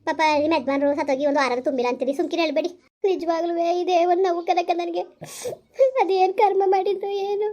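A woman's voice: sits high, dark tone, dull audio, lightly acted. A woman playing a poor widowed mother pleading. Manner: pleading, tearful, humble. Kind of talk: village comedy skit acting.

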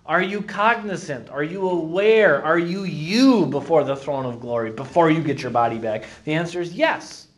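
A man teaching a church Bible class, reading scripture slowly and with emphasis, then explaining it with lively rhetorical questions. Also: fairly high pitch.

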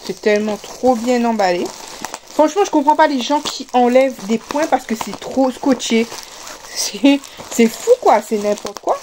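A woman's voice: on the high side, moderate pace, darkish tone, a little hiss or hum. A woman with a Réunion French accent, chatting casually to camera as she unboxes parcels, full of fillers and restarts. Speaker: vlogger.

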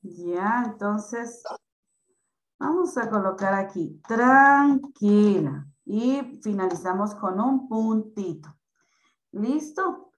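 Slow, patient woman teacher in echoey room. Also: medium pitch, expressive. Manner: slow, patient, drawn-out explanations to children. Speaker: primary school teacher. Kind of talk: online class for children.

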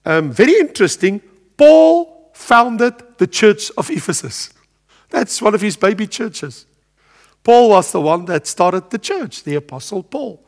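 A man in his sixties teaches a Bible study, his fairly high voice swooping up and down with lively inflection. He talks with animated energy and plenty of ums and uhs, and his words carry a long reverb tail as if in a big hall. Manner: animated, gestures broadly at a pulpit, frequent filler sounds. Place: studio with a world map backdrop, standing at a lectern.

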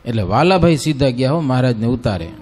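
A man telling a devotional story in a folksy, animated way, often turning to listeners and breaking into sung verse. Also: mid-range voice, fast talker, a little hiss or hum. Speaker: religious storyteller.

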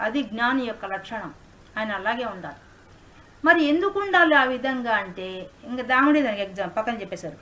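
A woman's voice: sits high, fairly bright tone, rough recording. A woman spiritual teacher explaining scripture in an online class, mixing in English words.

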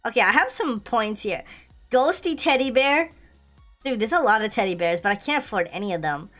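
A woman with a high-pitched voice streams a horror game with playful fright. She comments in a casual, slangy way and repeats her phrases excitedly. Faint music plays behind her. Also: a little fast. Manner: scared horror game streamer, shrieking and pleading in mock fright.

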